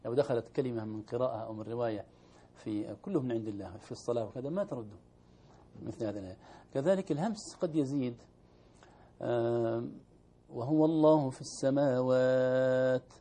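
A man teaching Quran recitation, modelling verses slowly for students to repeat. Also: mid-range voice, warm tone, a little hiss or hum.

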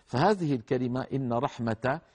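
A man teaching tajweed, explaining rules to students and chanting verses slowly to demonstrate correct pronunciation. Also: medium pitch, darkish tone. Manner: addresses students directly, correcting common mistakes. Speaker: Quran recitation teacher. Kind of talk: tajweed lesson with recited examples.

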